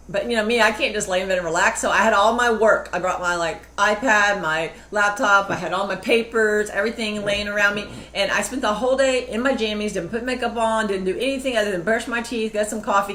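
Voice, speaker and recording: In a relaxed conversation about marriage, a middle-aged woman co-hosting the talk recounts stories and performs other people's lines. Her pitch is medium and her tone fairly bright, and the audio comes from an echoey room with faint ambience.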